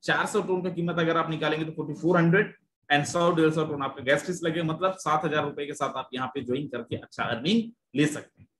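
A man presenting an investment plan in a persuasive sales pitch, repeating figures and mixing in English phrases. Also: fairly quick, a bit bright, roomy sound.

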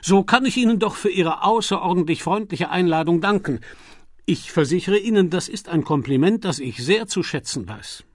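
A man's voice: high voice, expressive, normal speed, dry recording, clean studio sound, voice pushed up. A man voicing a self-assured, talkative American businessman with an effusive, chatty manner. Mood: polite. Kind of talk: audiobook character voice.

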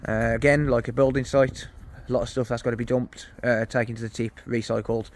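Brisk and mid-range with little pitch movement, this middle-aged West Midlands man talks over background noise while walking and filming on a handheld phone. The electronics repair YouTuber's casual vlog tours an unfinished house under renovation, indoors and garden, full of rambling, fillers and self-corrections.

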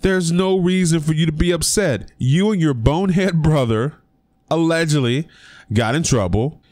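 A man's voice: fairly high pitch, animated, moderate pace, a little mellow, no echo. A young man talking casually on his own vlog, giving his opinion with emphatic rhetorical questions. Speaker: sports commentary vlogger. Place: indoor room.

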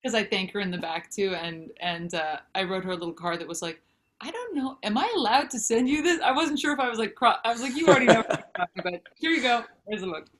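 A woman in her thirties, both singer-songwriter and author, talks fast in a medium-pitched voice during a casual video-call interview. Candid and animated, she gestures with her hands in a home room with a brick wall.

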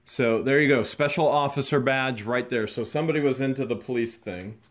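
Male vlog host, casual and chatty, keeps up excited commentary as he unboxes on camera. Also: medium pitch, fairly quick. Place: dusty garage.

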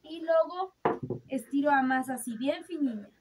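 A woman's voice: high voice, darkish tone, a little hiss or hum, low-quality recording. A young woman vlogging from her rural mountain home, chatting directly to viewers as she shows things around her on a phone camera. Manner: chatty, slow and explanatory, addresses viewers directly. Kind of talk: casual show-and-tell narration. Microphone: phone camera held by speaker.

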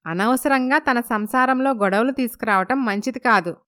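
A woman's voice: a little high, normal speed, a bit bright, close to an everyday voice. A woman voicing a dutiful young daughter-in-law who speaks politely and modestly.

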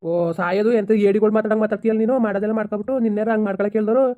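A man plays a stern but caring village elder. He lectures at a rapid clip in a fairly high, dark and flat voice. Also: muffled recording, natural voice. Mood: scolding. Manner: scolding, lecturing, then soothing. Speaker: elder villager in a comedy skit.

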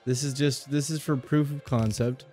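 A man's voice: medium pitch, fairly even intonation, moderate pace, a little mellow, soft background music. A young man hosting casual gameplay commentary, thinking aloud with fillers and repeats. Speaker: game channel host.

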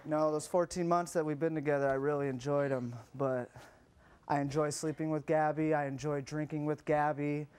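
A man, a guest on a talk show, taunting and shouting. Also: on the high side, level tone, moderate pace. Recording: loud crowd and noise, from the mic.

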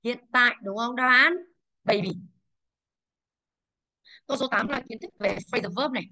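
A young woman teaching English, briskly walking through exam answers and asking the class questions she then answers herself. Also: a little high, bright, forceful tone, poor audio.

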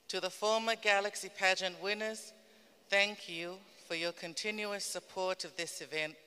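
A woman reading a formal, measured thank-you speech from a stage lectern. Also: on the low side, pushed and bright, smooth. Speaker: pageant speaker giving closing remarks. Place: indoor stage at a large event. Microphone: stand microphone at a lectern. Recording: echoey hall PA, long reverb.

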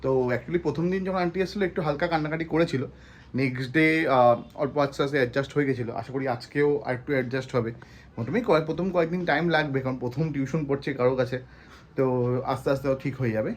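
This is a young man talking fast and casually to his phone camera at home. He rambles through his plans step by step, in an ordinary mid-range voice. Faint household noise can be heard behind him. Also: mid-range voice. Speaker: vlogger. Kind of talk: casual home vlog chat.

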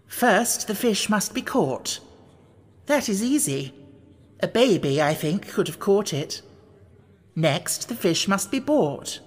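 A reader voicing a gentle, dithering storybook queen with a dainty, cooing manner. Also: mid-range voice, very animated, slow pace, long reverb tail, pitched above the performer's own voice. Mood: reciting riddle.

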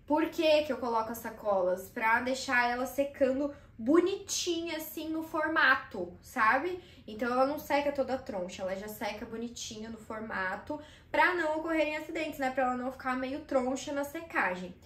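A woman's voice: sits high, normal speed, few pauses, a bit bright. A young woman, chatting enthusiastically about thrift finds in a casual vlog, full of fillers and asides. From Brazil. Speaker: vlogger showing thrift finds. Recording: roomy echo in a small room.

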